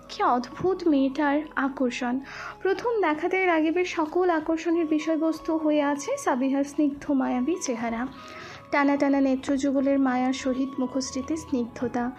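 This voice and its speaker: A woman narrating a romantic story with an expressive, flowing delivery. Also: high voice. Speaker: voice artist, storyteller.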